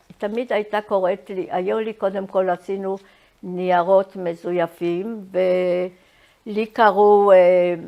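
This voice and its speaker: Elderly woman recounting her life haltingly. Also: mid-range voice, a little mellow. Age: 80s. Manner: halting, searching for words. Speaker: Holocaust survivor giving testimony. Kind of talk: personal reminiscence, storytelling.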